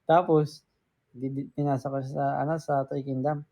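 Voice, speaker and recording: A man's voice: on the high side, flat delivery, moderate pace, mellow. A young man from the Philippines hosting a casual live stream, telling a story with acted-out quotes, dropping English words in and laughing often.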